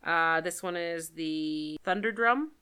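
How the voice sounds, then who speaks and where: A woman's voice: fairly low pitch, slow, bright, forceful tone, clean tone. A woman co-hosting a podcast in casual chat, talkative, laughing often and trailing off mid-sentence. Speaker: podcast co-host.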